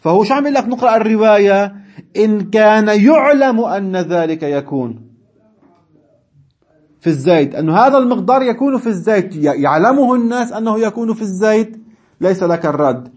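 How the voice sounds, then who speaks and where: A man's voice: sits high, lively intonation, fairly quick, darkish tone. A man teaching a seminary class, reading classical texts and explaining them in dialect with chuckling asides. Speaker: religious studies teacher.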